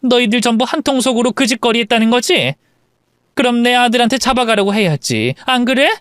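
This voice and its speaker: A man's voice: extremely high pitch, expressive, brisk, a bit bright, smooth, no room sound, studio quality. A man voicing an indignant middle-aged mother standing up to bullies in a story drama. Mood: defiant.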